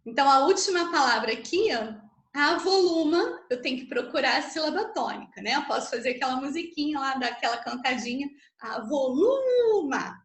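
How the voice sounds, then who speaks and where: High-voiced Brazilian teacher in an echoey room. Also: female voice, fairly bright tone. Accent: Brazilian Portuguese. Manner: patient, explanatory, checks in with tag questions; counts syllables aloud slowly. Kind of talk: online literature class.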